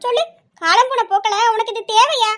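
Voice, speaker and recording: Woman doing a sweet college girl calming grandpa down, high voice, gentle coaxing. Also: brisk. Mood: soothing. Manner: coaxing, soothing, teasing. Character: young college girl, caring granddaughter, playful. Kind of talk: homemade family skit acting.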